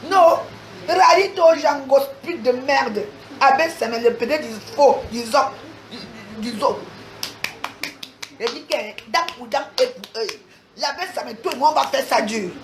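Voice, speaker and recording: A woman's voice: fairly high pitch, echoey room, a little hiss or hum. Angry woman ranting on a livestream. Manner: insulting, confrontational, repetitive. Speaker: social media livestreamer.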